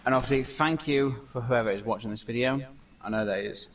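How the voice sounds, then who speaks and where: A man's voice: mid-range voice, fairly quick, fairly bright tone, recorded from a distance, slight background noise. A man hosting a casual gameplay commentary, talking in a rambling way with many fillers and restarts. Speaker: gaming channel host.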